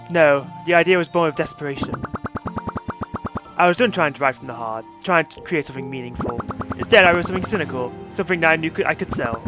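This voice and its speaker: Man voicing a slow, theatrical, smug villainess. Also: fairly high pitch, lightly acted. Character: smug female CEO villain, condescending storyteller. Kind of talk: reading game dialogue aloud.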